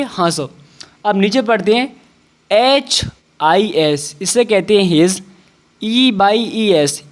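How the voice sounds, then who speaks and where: A man teaching English reading. He spells each word out letter by letter, then says it. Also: high-pitched. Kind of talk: slow spelling-out English lesson.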